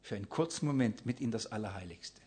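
Husky, animated preacher. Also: male voice, lowish voice, quick pace. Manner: lively, asks the congregation questions and answers them; swings between loud emphasis and hushed near-whispers. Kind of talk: sermon with Bible reading.

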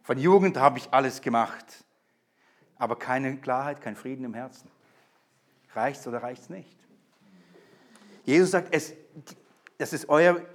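A man preaching a sermon to a congregation, stressing key lines with urgent emphasis. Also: a little high.

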